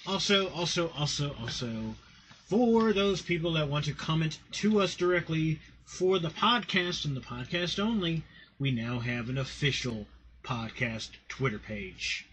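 Slightly high-voiced man hosting casually. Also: measured pace, fairly bright tone, slight background noise, low-quality recording. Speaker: podcast host. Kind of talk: casual podcast chat.

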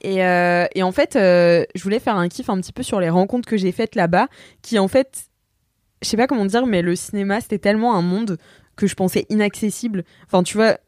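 Woman, podcast co-host, casual chat, halting with fillers, dry room. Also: medium pitch, darkish tone, dry recording. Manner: hesitant, many fillers.

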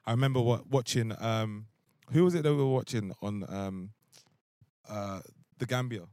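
A man's voice: fairly low pitch, normal speed, a little mellow, no echo, studio quality. A man with an urban London roadman accent hosting a casual podcast in slangy street talk. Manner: slangy street talk, calling people bruv and mandem. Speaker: podcast host. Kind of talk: casual group podcast banter. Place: in a large open stadium, on the pitch.

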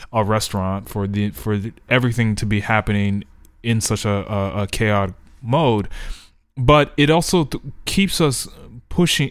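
Low smooth-voiced guy rambling through ideas on a podcast, dry close mic. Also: no room sound. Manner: rambling, thinks aloud with many restarts. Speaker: podcast co-host. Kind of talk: casual chat. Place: podcast studio.

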